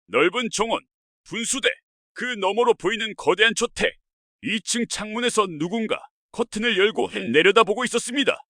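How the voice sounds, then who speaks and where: A man narrating a first-person family story in an earnest, steady way. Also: sits high, normal speed, no echo, clean studio sound.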